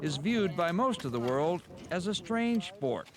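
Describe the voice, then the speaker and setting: A man's voice: high voice, big pitch swings, unhurried, crowd noise. A man narrating a television outdoors feature in a wry, lightly playful scripted read. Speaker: show narrator.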